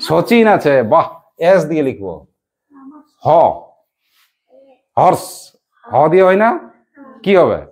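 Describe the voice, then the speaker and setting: A man's voice: on the high side, big pitch swings, takes it slowly, long pauses. A male teacher runs a classroom lesson, calling pupils by name and praising each answer. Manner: encouraging, quizzing pupils by name.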